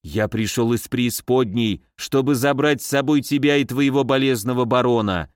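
A man's voice: mid-range voice, moderate pace, no echo, clean studio sound, close to an everyday voice. A man voicing a sly, mischievous male footman in an audiobook. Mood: sinister. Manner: sly, teasing.

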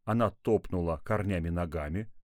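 A man narrating a playful children's tale in an expressive way. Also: sits low, normal speed, no echo, studio quality. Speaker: storyteller.

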